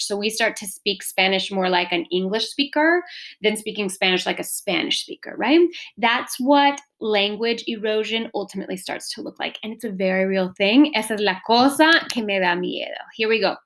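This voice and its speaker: A young woman teaching a recorded lesson, switching between two languages and checking in patiently with her students. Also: on the high side.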